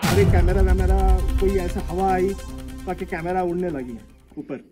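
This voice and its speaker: A man's voice: high voice, normal speed, over loud music. A man chatting casually as a travel companion, mixing English words into his talk. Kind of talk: casual chat.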